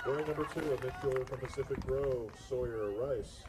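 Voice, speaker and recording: A man calls out lineups as the announcer at an outdoor soccer field, in a measured, formal announcing rhythm. His voice sits in a middle register. Heavy outdoor noise rumbles under the recording. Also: a loud crowd. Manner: steady formal announcing cadence. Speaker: stadium announcer. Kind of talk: public address player introductions.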